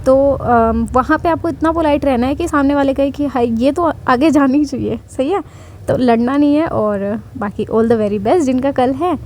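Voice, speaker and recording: A woman's voice: high voice, normal speed, darkish tone, a little hiss or hum. A young woman casually recounting her job interview to her viewers, chatty and reassuring, mixing in English phrases. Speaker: vlogger sharing interview experience. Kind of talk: casual chat.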